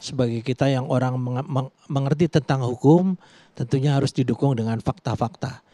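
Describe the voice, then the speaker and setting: A man, a legal expert guest, answering on a talk show in a measured way, pausing on fillers. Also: mid-range voice, warm tone, no room sound.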